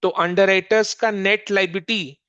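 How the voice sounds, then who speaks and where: A commerce teacher giving a recorded accounting lesson, working through a problem slowly and repeatedly quizzing the listener. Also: mid-range voice, steady tone, bright, forceful tone, smooth, dry recording, highs cut off. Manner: slow, repetitive, quizzing the listener.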